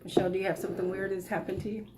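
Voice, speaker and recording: Woman, casual vlog host, rambling, talking over loud dish clatter at the kitchen table. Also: mid-range voice, racing, very noisy. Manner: relaxed, rambling with fillers, Southern phrasing. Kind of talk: casual mukbang chat. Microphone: camera on the table. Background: clinking dishes and cutlery.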